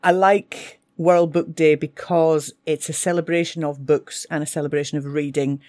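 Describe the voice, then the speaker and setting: A woman's voice: deep voice, level tone, moderate pace, a little mellow. A woman teacher, talking with enthusiasm about books she loves. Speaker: English teacher. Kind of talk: casual talk for school radio.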